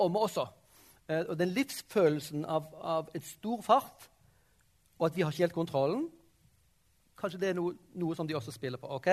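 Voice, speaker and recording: Man, high-pitched, classroom lecture, questioning, keeps checking in with students. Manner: questioning, prompting the class with frequent "sant?" and "ok?". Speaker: teacher.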